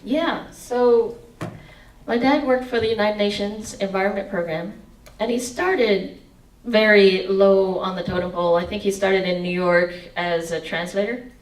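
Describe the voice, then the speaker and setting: Her voice is mid-range and a little slow, heard through a distant mic in a reverberant space, and the recording quality is low. She's a woman in her forties in an indoor meeting room, reading expressively from her memoir on a headset mic, singing fragments of songs, and later responding to the audience's questions.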